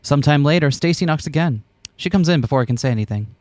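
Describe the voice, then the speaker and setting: A man's voice: on the high side, lively intonation, fast, a little mellow, no room sound. A man co-hosting a let's play, switching between casual commentary and reading a visual novel aloud with playful, theatrical asides.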